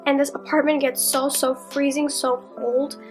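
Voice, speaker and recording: Young woman vlogger, high-pitched, chatty and excited, casual haul talk, faint music underneath. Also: moderate pace. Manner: chatty and enthusiastic, with frequent fillers and asides. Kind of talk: casual haul video chat. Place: her apartment, indoors.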